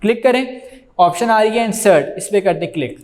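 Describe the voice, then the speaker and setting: A male teacher who speaks natively, reading English textbook lines slowly and then explaining them to young students, whom he calls "beta". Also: sits high, lively intonation. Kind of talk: screen-recorded computer lesson for schoolchildren.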